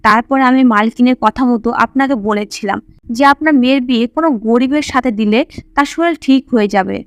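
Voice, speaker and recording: A woman's voice: on the high side, moderate pace, dry recording, studio quality, natural voice. A woman reading the lines of a greedy man posing as a tantric, who pleads and confesses. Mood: pleading.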